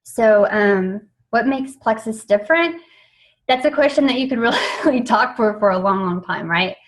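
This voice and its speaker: A woman's voice: fairly high pitch, animated, moderate pace, rough recording. A young woman leading an informal team training in an eager, chatty way, with lots of fillers and restarts. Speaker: network marketing team trainer.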